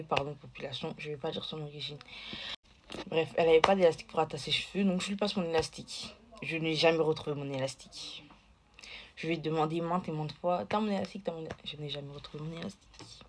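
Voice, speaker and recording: A woman's voice: deep voice, a little hiss or hum. A woman telling a casual story to camera, chatty and digressive, full of fillers and asides.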